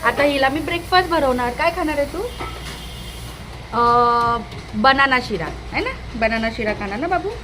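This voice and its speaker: A woman's voice: high voice, animated, moderate pace, pauses often, background noise. A young woman with a Marathi accent chatting casually in a home kitchen vlog, cooing and baby-talking to her toddler as she cooks. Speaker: vlogger mother. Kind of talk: casual family vlog chat.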